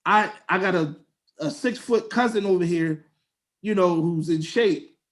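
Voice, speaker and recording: Young male co-host, high voice, animated slangy storyteller. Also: measured pace. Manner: animated storyteller, slangy, acts out quotes in a raised voice. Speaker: podcast co-host. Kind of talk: casual storytelling chat.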